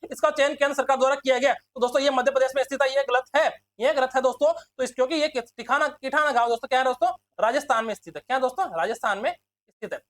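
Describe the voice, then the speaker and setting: Rapid-fire, high-voiced male teacher. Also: a bit bright, dry recording. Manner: fast, repetitive, keeps addressing listeners as friends. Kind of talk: rapid-fire exam quiz lesson.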